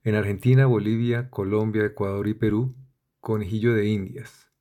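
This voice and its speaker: A man reading dictionary entries aloud in a measured way, spelling out the end of each word. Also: fairly low pitch, level tone, mellow. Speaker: dictionary reader.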